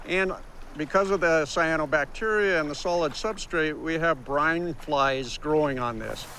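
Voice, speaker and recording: A man with a slightly high voice explains things as a scientist out in the field. His talk is unscripted, recorded outdoors with noticeable ambient noise around him. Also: unhurried, sharp tone. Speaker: scientist interviewee. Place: outdoors on a lake shore.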